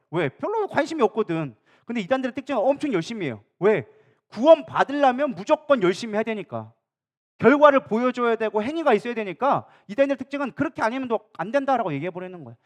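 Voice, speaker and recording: Brief: high-pitched male pastor, brisk sermon delivery, keeps asking and answering his own questions. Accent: Korean, Daejeon area. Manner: asks the congregation questions and answers them himself; acts out quoted speakers in a changed voice. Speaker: co-senior pastor. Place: church sanctuary.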